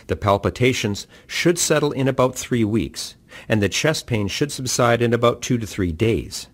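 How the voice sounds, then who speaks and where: A man giving calm, measured scripted narration for a patient orientation video. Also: mid-range voice. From Canada. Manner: calm, measured instructional delivery.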